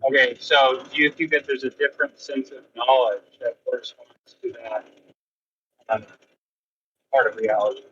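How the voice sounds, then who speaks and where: A man's voice: mid-range voice, normal speed, pauses often, a bit bright, slight background noise. A man in a casual philosophical debate over voice chat, asking tentative, probing questions and rephrasing himself, over a muffled lo-fi line.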